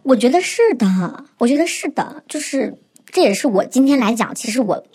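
A woman's voice: a little high, lively intonation, normal speed, a little mellow, breathy edge. A woman in her twenties, speaking through a voice-changer, telling her own story frankly and sometimes dropping to a whisper. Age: 20s. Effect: voice-changer disguise. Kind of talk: candid personal storytelling.

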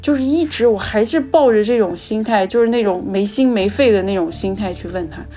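A woman's voice: medium pitch, brisk, mellow, soft background music. A woman telling her own personal story in a reflective, candid and emotional way.

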